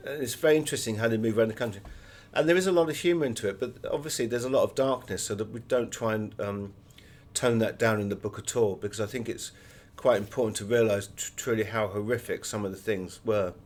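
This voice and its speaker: A man with a lowish voice appears as a guest author in a conversational interview, explaining things in a discursive way full of anecdotes. He talks quickly with few pauses.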